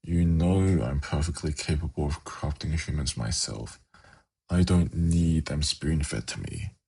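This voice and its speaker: In an ASMR fantasy roleplay, a man voices a suave, haughty demon prince, his bass voice gravelly, husky and darkish. He speaks in a measured, formal, silkily condescending way, fully in character, radiating cold disdain.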